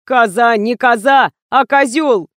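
A woman's voice: on the high side, normal speed, no room sound, clean studio sound, lightly acted. A woman voicing a blunt male camera operator who snaps back and mocks the others, in a storybook reading. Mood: gleeful. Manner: curt, snapping, mocking.

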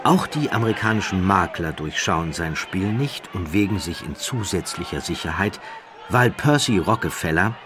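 A low-pitched man with a standard German accent narrates a scripted documentary story in measured, deliberate phrases. He adds dramatic emphasis and a wry undertone. Background noise is audible.

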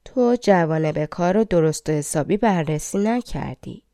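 A woman voicing an old nurse, motherly and knowing, counsel delivered low and mellow. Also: lively intonation, dry recording, clean studio sound. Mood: fond, advising. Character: old wise female nurse, fond and knowing.

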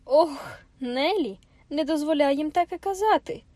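A woman's voice: high-pitched, lively intonation, moderate pace, darkish tone, dry recording, soft background music, pitched above the performer's own voice. A woman voicing a spoiled, bossy young girl in an audiobook, imperious and indignant. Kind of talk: audiobook character voice.

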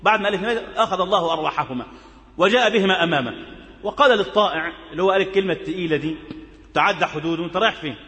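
A man with an Egyptian accent giving a Friday sermon, moving between formal Arabic and lively colloquial asides. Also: high voice, racing, long reverb tail. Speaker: preacher.

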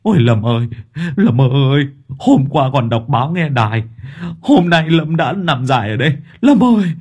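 A man voicing a young male drug-addict friend who keens a loud, theatrical lament over his buddy. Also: mid-range voice, big pitch swings, moderate pace, breathy edge, voice pushed up. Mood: wailing.

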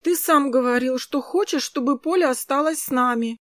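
A woman voicing a lively, chatty little girl in an audiobook, with a high, bright childish voice. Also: normal speed, dry recording, studio quality. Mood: eager. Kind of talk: audiobook character voice.

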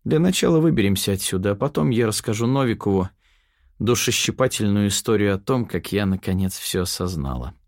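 A man's voice: lowish voice, lively intonation, a little fast, darkish tone, no echo, clean studio sound. A man voicing a cocky, scheming young woman who taunts her timid other self. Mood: mocking.

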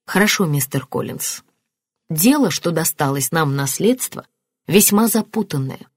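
A composed woman detective who keeps a steady, official tone, read by a woman narrator. The voice is lowish and dry, close to the mic. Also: breathy edge, no room sound. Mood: calm. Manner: measured, official.

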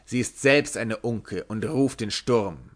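A coarse, hot-tempered old sailor, as a male reader plays him, snarling his threats in a gruff, lowered voice. He sounds rough and menacing. Storybook reading. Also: takes it slowly. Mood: angry.

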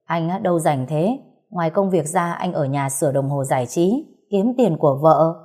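A woman's voice: low-pitched, animated, moderate pace, a little mellow. A woman voicing a doting young husband who jokes and boasts to his wife in an audiobook story. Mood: joking. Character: doting joking young husband, tough man.

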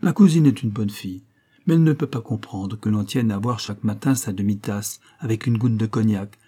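A man's voice: lowish voice, fairly quick, dark tone, breathy edge. A man voicing an affected middle-aged woman posing as a Parisian countess, with a theatrical, wistful, mock-aristocratic manner. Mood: plaintive.

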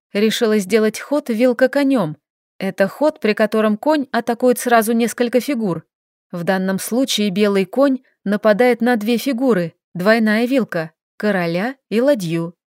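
A woman reading a first-person audiobook narration in an even, measured way. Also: mid-range voice, dry recording, clean studio sound.

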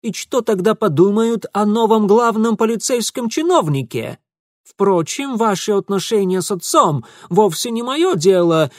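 A man voicing an indignant, self-righteous young man who scolds loudly and with contempt in an audiobook. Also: high-pitched, lively intonation, a little slow, dry recording, studio quality, voice pushed up. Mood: contemptuous.

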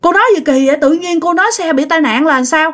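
A woman's voice: high-pitched, fast, a bit bright, pitched above the performer's own voice. Woman doing a scared young passenger. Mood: protesting. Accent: Southern Vietnamese. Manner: pleading, protesting. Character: frightened young bus passenger, pleading.

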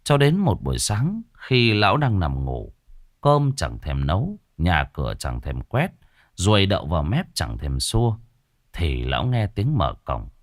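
A man narrating a horror story in a dramatic, expressive way, recorded on a close mic. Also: low voice, a little slow, no room sound.

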